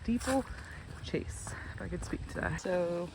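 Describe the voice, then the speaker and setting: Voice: medium pitch, steady tone, a little slow, noisy background. A hiking vlogger from New Jersey talks in a chatty, rambling way with many fillers, out of breath on the trail. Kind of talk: casual walk-and-talk vlog. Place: wooded park trails outdoors.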